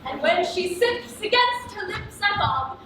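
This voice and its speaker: Heard far off through heavy echo and noise, an actress as a mischievous sprite performs Shakespeare playfully. The voice is very high, female and unhurried. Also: expressive. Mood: gleeful mischief. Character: mischievous, merry trickster sprite boasting of pranks. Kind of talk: Shakespearean stage acting. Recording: distant echoey stage capture with clear noise.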